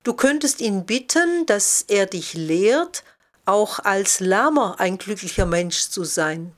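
A woman voicing a wise, gentle female snail in a storybook reading, speaking in an encouraging, thoughtful way. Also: mid-range voice, animated, takes it slowly. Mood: earnest.

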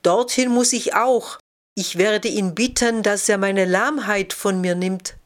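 A woman voicing a rough-voiced, self-doubting lame man on crutches in a storybook reading. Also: lowish voice, slow. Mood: eager. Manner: self-deprecating, then eager.

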